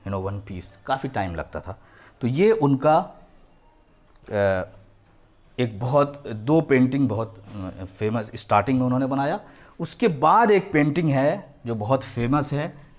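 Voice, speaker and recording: A man's voice: mid-range voice, dull audio. A man teaching a history lesson to children, explaining each term and repeating key points, often slipping into English phrases. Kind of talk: classroom lecture.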